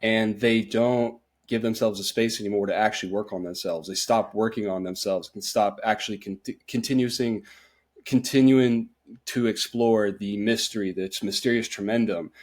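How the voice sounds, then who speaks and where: In a low-leaning voice with fairly even intonation and normal speed, a young man hosts a casual podcast chat. He wanders and rambles laid-back, leaning on lots of fillers such as "like" and "uh."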